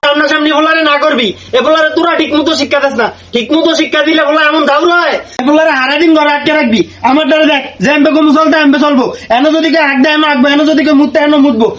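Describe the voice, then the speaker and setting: Comic skit: quarrelsome village wife, rapid high scolding. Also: male voice, steady tone, fairly bright tone, highs cut off. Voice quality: shrill, scolding. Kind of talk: comedy skit acting.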